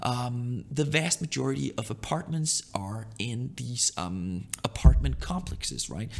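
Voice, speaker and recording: A young man from Denmark giving relaxed business advice in a loose, chatty monologue, often checking in with "right?". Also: medium pitch, gravelly. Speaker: online business vlogger.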